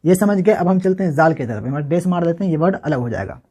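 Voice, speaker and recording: A man's voice: fairly high pitch, expressive, darkish tone, slightly rough. A man with a slightly raised voice gives a casual writing lesson. He spells words out letter by letter, says them again and again, and asks and answers his own questions as he teaches. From Bihar, India. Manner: repeats words slowly, asks and answers himself. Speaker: Urdu handwriting teacher.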